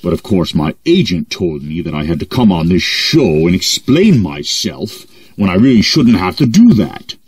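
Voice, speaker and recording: A man voicing a cold, cruel masked space villain who speaks in slow, flat, imperious threats. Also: low voice, breathy edge, no echo, heavily acted. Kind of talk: comedy impression sketch.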